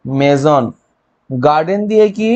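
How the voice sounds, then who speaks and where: High-voiced young tutor quizzing students. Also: male voice, animated, measured pace, a little mellow, a little hiss or hum. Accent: Bangladeshi Bengali. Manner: quizzing with rhetorical questions and mnemonics; frequent "ঠিক আছে?" check-ins. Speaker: chemistry tutor. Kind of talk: online exam-prep lecture.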